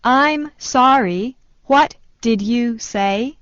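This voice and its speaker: Woman repeating lesson phrases super slow, pretty high voice, flat muffled audio. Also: no echo. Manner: very slow, deliberate delivery. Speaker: phrase reader. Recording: dull lo-fi dry sound.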